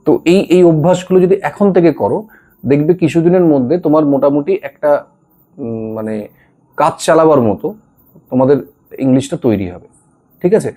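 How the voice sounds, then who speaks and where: Reassuring male tutor with a mellow voice. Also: a little high, fairly quick, long pauses. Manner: reassuring, repeats "ঠিক আছে?" to check in. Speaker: English tutor. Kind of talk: spoken English lesson.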